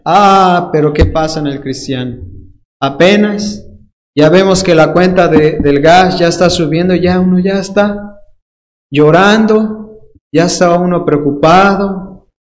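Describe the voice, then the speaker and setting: Preaching a sermon in a Dominican Spanish accent, this man has a high-pitched voice and a slightly slow delivery. He's emphatic and playful, stretching out key words and imitating people's excuses.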